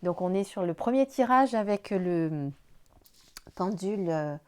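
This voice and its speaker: A tired woman talks through a tarot reading to camera at an easy pace. She sounds gentle and reassuring, now and then stumbling over her words and restarting. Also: on the low side, lively intonation, a little slow, smooth. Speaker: tarot card reader.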